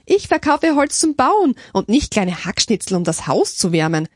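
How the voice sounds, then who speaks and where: A woman puts on a middle-aged wood seller who laughs off a strange question. His voice is slightly husky and dry, swinging up and down as he speaks. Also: mid-range voice, very animated, moderate pace, no room sound. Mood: scoffing. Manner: scoffing.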